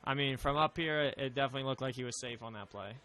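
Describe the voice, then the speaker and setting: A man works as co-commentator on a baseball broadcast. His voice is bright and sharp at an average pitch. He speaks casually, as a booth partner would. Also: quick pace.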